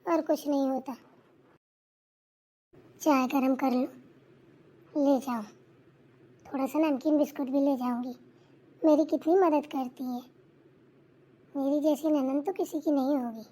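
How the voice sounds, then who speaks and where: A woman's voice: high voice, mellow. A woman voicing a meek, polite young daughter-in-law in a cartoon who worries a lot. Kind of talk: cartoon voice acting.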